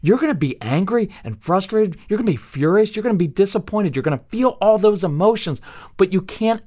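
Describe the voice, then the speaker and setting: A man telling a parenting story to an audience, animated and jumping up in pitch for emphasis. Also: fairly quick. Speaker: parenting speaker.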